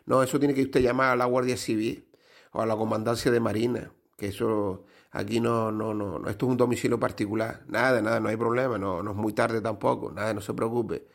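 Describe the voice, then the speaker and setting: A man's voice: fairly low pitch, steady tone, a little fast, vocal fry. Man playing a husband on the phone, insistent, repeats no no no. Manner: repetitive, insistent denials.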